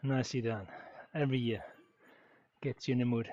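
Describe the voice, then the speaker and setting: A man's voice: mid-range voice, fairly quick. Man chatting on a ride stream. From Germany. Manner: relaxed, answers chat questions with many fillers. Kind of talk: casual live-stream chat while cycling. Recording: dull lo-fi stream audio.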